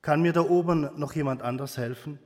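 A man's voice: a little high, a little fast, close to an everyday voice. A man reading aloud the pleading lines of a desperate man dangling from a cliff, in a reverberant church hall.

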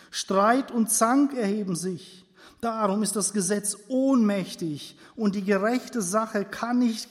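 A man preaching a sermon and reading Bible verses, with loud emphatic bursts that drop into quiet, low asides. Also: in a large hall.

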